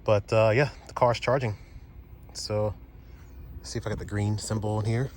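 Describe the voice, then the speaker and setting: A man vlogging casually outdoors at car chargers, relaxed and offhand as he talks through each step. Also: lowish voice, moderate pace. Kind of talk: casual narrated vlog. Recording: loud outdoor ambience and traffic noise. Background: loud outdoor and vehicle noise.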